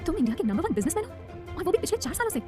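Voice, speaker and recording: A woman's voice: sits high, animated, rapid-fire, over music. A woman narrator voicing a feisty, stubborn young wife who answers back with pouty, defiant retorts. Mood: sulky defiant.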